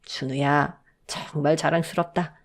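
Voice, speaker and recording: A woman's voice: low voice, fairly even intonation, a little slow, pitched below the performer's own voice. A woman voicing a proud, doting elderly grandfather who speaks fondly. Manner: fond and gentle.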